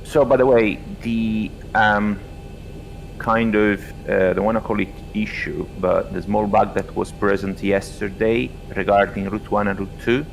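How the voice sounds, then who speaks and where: A man from Italy with an Italian accent, a pilot chatting casually over a voice call on a rumbly mic. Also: fairly even intonation, a little slow, creaky, a little hiss or hum, poor audio. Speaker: airline pilot, team member.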